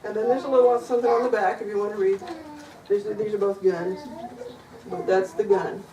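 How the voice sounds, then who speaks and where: A woman's voice: medium pitch, steady tone, a little fast, a crowd in the background. Chatty woman explaining, echoey and distant. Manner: chatty explaining with little jokes. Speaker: family history presenter. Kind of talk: informal presentation to relatives. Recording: echoey room from far off with background noise.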